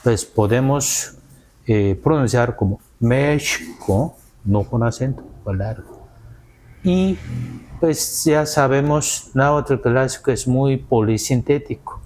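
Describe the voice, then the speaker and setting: A man from South Korea with a Korean accent, a scholar answering interview questions in halting, careful non-native Spanish, often adding "¿no?". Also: mid-range voice, a little mellow, slight background noise.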